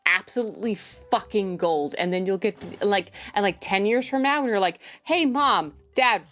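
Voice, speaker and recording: A woman's voice: mid-range voice, normal speed. A drunk young woman rambling in a rowdy party-animal way, repeating herself and swearing in a casual livestream chat.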